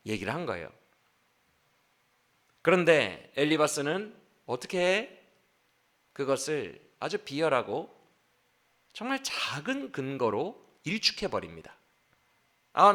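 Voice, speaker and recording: A man preaching a sermon as pastor, acting out the quoted speech with sudden changes in loudness. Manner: animated, acts out quoted speech with shifts of pitch and loudness. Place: church.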